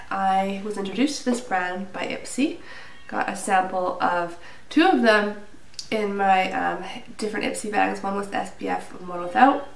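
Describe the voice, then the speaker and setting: A beauty vlogger in her thirties, nasal from a cold and a little out of breath, casually reviews a product to camera, chatty and full of fillers and small laughs. Her voice is medium in pitch. She's in a small indoor room against a plain wall, recorded roomily from a slightly distant mic with faint hiss.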